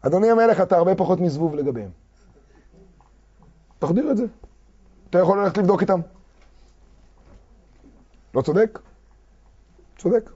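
A man teaching a Talmud lesson to a class, reading quoted texts slowly and then explaining them with fervor. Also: high-pitched, lively intonation, mellow, breathy edge. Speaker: Torah teacher. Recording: dull lo-fi recording.

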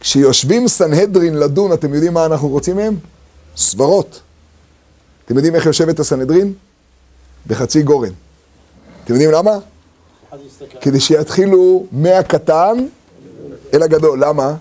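Lively man teaching a Torah lesson. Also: on the high side, pauses often. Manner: rhetorical questions, acts out quoted voices.

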